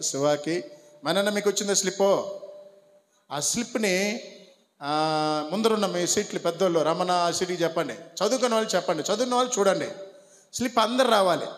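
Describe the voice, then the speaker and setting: A high-pitched male pastor preaches in a church hall with a long, ringing reverb. He coaxes and urges his listeners one by one, mixing preaching with quick instructions. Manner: directs congregation by name, coaxing and urging. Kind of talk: sermon with congregation instructions.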